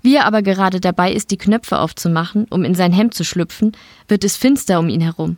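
A woman narrating a short story in an audiobook style, steady and matter-of-fact. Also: on the low side, a little fast, dry recording. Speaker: reader.

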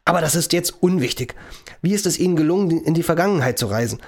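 A man voicing a stern, sharp-tongued old professor. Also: on the high side, lively intonation, fast, voice pushed up. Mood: lecturing. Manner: sharp, lecturing and commanding. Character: stern irritable male professor, time-travel inventor.

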